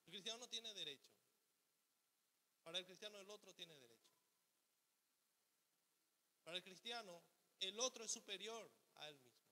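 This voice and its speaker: High bright preaching man in reverberant hall. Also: expressive, normal speed, pauses often. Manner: preaching, rhetorical questions, acts out the ego's voice. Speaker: pastor. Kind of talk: sermon. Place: church hall.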